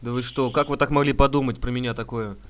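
A man making a prank phone call, talking in a deadpan, mock-earnest way and stumbling over words. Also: mid-range voice, fast. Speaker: prank caller.

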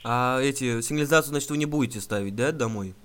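Man, prank caller, deadpan, mock-serious, stammering, mid pitch. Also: fast talker, slight background noise. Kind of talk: prank phone call.

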